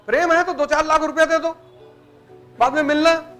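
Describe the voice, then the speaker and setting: A man's voice: extremely high pitch, fairly even intonation, moderate pace, bright, forceful tone, soft background music. A man giving a blunt, teasing motivational lecture to students in colloquial speech. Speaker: motivational teacher.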